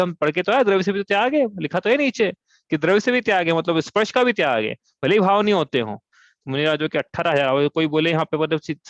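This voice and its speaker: A man leads a scripture class, breaking the text down point by point and putting questions to his listeners before answering them himself. His voice sits a little high for a man. The recording is close and dry but a bit dull. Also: fairly bright tone, no room sound. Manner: explains step by step, asks and answers own questions; chants verses slowly. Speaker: religious teacher.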